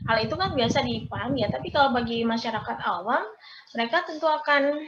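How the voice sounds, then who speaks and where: A woman's voice: a little high, quick pace, noisy background. A woman, a nursing lecturer, teaching an online class, asking questions and recapping her students' answers. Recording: roomy, dull lo-fi sound.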